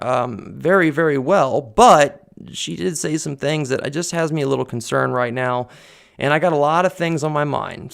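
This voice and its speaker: A vlogger at home addresses the camera in casual, personal talk, his loud, mid-range voice smooth but marked by vocal fry. He uses a desk condenser mic on a boom arm and rambles earnestly, restarting often and leaning on fillers.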